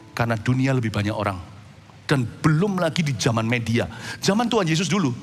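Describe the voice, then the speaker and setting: Animated high-pitched male preacher in a hall. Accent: Indonesian. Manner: animated storytelling preacher, acts out voices and shouts. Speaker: pastor. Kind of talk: sermon. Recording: long hall reverb with faint music.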